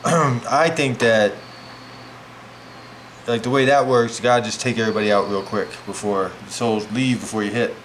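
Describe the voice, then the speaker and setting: A man's voice: medium pitch, normal speed, pauses often, slight background noise. Rambling man telling a story. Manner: rambling, animated, many "like" fillers. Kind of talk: casual storytelling. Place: home, preparing food.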